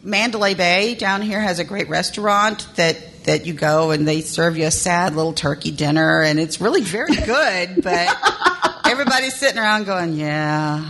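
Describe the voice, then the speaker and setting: Female podcast host from Tennessee, lower voice, chatty and giggly. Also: moderate pace, a bit bright. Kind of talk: casual chat.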